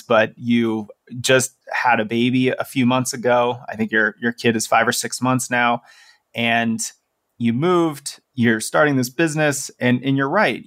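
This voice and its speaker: A man in his late thirties hosts a podcast in a relaxed, joking tone, full of fillers. His middle-pitched voice is recorded dry and close. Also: dry recording. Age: 30s. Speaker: podcast host. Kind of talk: casual podcast chat.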